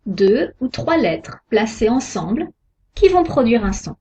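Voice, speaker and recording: A woman giving a scripted pronunciation lesson, sounding out each example word slowly and carefully. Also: on the high side, sing-song, warm tone, slight background noise. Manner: slow, careful, deliberate articulation of example words. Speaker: French pronunciation teacher. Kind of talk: slow scripted lesson narration. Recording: dull lo-fi recording.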